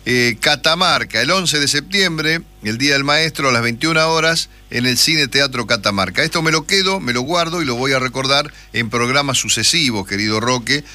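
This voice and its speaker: A man's voice: medium pitch, normal speed, few pauses, bright, forceful tone. A man with a Rioplatense accent hosting a radio show, chatty and joking, reading out event dates. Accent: Rioplatense Spanish. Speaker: radio host. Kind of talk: casual radio interview.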